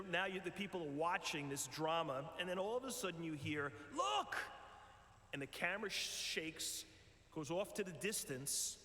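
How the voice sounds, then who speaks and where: Priest in a big echoing church. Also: male voice, a little high, pushed and bright. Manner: conversational storytelling with frequent fillers. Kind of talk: retreat talk to a parish. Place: large church. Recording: echoey church with long reverb.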